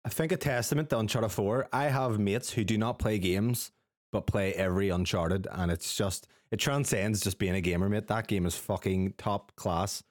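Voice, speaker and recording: A man's voice: fairly low pitch, fairly even intonation, moderate pace, dry recording, studio quality. A man co-hosting a casual banter podcast, teasing and cheeky, swearing freely. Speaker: podcast co-host.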